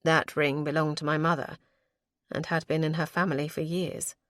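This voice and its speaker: A woman voicing an affectionate young lord, speaking low, wry and murmuring to his new wife. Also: flat delivery, moderate pace, a bit bright, dry recording, clean studio sound. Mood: tender.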